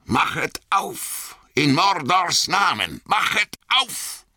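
A man voicing a shrill, menacing dark rider who demands entry at a door, in an audiobook reading. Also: very animated, takes it slowly, dry recording, studio quality, exaggerated voice.

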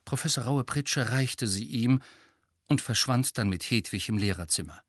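A man narrates an audiobook from a script, telling the story expressively. His pitch is medium and his speed normal, and the studio recording is clean with no echo.

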